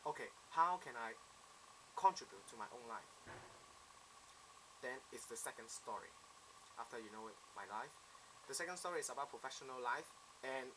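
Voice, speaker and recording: A man's voice: medium pitch, background noise. A man in his twenties from Hong Kong, speaking with a Hong Kong accent, earnestly telling his own story in a self-introduction video. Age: 20s. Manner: earnest, plain storytelling with simple phrasing. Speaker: applicant.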